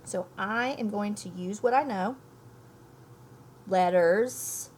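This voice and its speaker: Slow and darkish in tone, a medium-pitched female teacher reads a storybook aloud to young children and explains it. The elementary school teacher is emphatic and thinks aloud. A little hiss or hum runs in the background.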